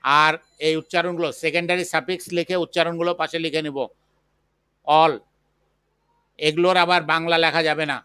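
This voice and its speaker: A man teaching a chemistry class, slowly dictating the material. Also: on the high side, little pitch movement, pushed and bright, smooth, no echo. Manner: slow, patient dictation. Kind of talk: classroom lecture.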